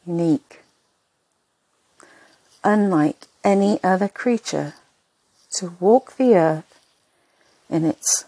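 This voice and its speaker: Very slow, hushed woman narrating sleep meditation. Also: fairly low pitch, no room sound, poor audio. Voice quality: soft, breathy, husky. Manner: hushed, unhurried delivery in short, spaced phrases.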